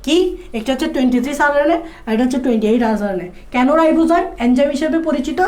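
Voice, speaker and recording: Woman teacher, high voice, repetitive and questioning delivery, roomy echo. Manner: repeats phrases, asks students questions. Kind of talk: biology lesson. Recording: echoey room.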